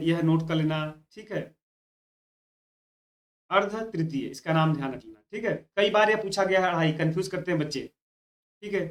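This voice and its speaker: A Hindi exam tutor teaches an online exam-prep lesson in a high, slightly bright male voice. He keeps repeating key words and tells students to write them down.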